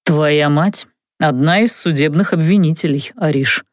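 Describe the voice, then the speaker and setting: A woman's voice: sits low, no echo, clean studio sound, voice pushed down. A woman voicing a smug, teasing young male mage. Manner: calm, teasing, unhurried. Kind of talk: audiobook character voice.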